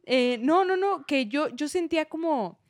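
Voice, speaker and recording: A woman's voice: high voice, expressive, a little slow, no room sound, studio quality. A woman with a Mexican accent hosting a casual podcast chat, self-mocking and playful. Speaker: podcast host.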